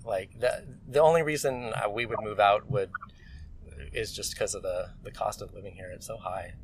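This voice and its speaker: Chatting casually in an American accent, a man from California speaks hesitantly and frequently trails off. His voice is lowish and his pace moderate. The audio is poor, with noticeable background noise.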